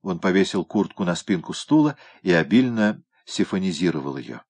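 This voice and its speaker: A man reads a story aloud in a steady, measured way. His voice sits on the low side and never hurries. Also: breathy edge. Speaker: reader. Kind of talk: audiobook narration.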